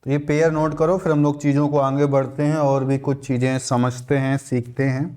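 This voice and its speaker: A male teacher giving a grammar lesson for exam prep, restating each rule slowly and repeating himself. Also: mid-range voice, flat delivery, darkish tone. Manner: slow, repetitive explaining, restating each rule.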